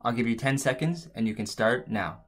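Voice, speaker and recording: A man's voice: medium pitch, moderate pace. A man narrating an instructional language lesson as a teacher, explaining things step by step.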